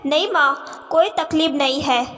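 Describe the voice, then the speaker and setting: A woman's voice: high voice, a little slow, fairly bright tone. Woman voicing a sad hesitant young wife. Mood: evasive. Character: sad young married daughter, hurt and hesitant. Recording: reverberant room.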